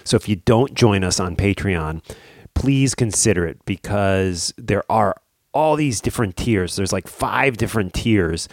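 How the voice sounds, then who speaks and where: Man, podcast host, low voice, dry close sound, relaxed rambling chat. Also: measured pace, dry recording.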